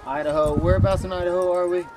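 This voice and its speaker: A man's voice: high-pitched, fairly even intonation, fast talker, over a noisy crowd. A young man chatting casually on a camping vlog, easygoing and crude with his jokes. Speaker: vlogger's partner. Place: outdoors at a forest campsite. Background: music.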